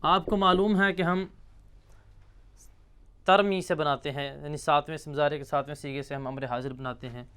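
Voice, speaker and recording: A man teaching a grammar lesson, slowly reciting verb forms and asking and answering his own questions. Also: a little high, steady tone, a bit bright, smooth. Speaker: teacher of Arabic morphology.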